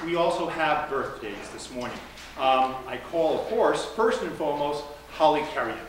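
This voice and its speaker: A man's voice: on the high side, expressive, moderate pace, heavy reverb, a loud crowd, heavy background noise. A man, the pastor, giving friendly, joking announcements and reading prayers to his congregation in church. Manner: chatty and joking between formal prayer. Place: large church sanctuary. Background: congregation murmuring.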